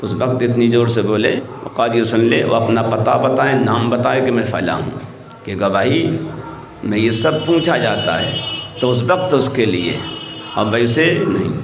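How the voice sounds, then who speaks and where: Man preaching a Friday sermon in an echoey hall. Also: mid-range voice. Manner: rhetorical, quizzing the congregation with repeated "hein?"; recites Quranic verses.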